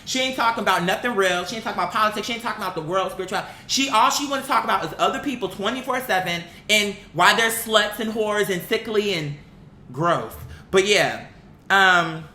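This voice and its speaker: Reading viewer comments aloud, a woman delivers a casual, opinionated rant that's blunt, profane and indignant, hammering points home by repeating phrases. Her mid-range voice sounds pushed and bright, and the recording has an echoey, roomy quality.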